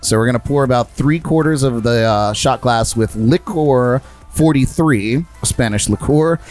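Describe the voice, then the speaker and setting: A man hosting a live music podcast, upbeat and quick to laugh. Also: mid-range voice, a little mellow. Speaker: podcast host. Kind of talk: casual live show chat.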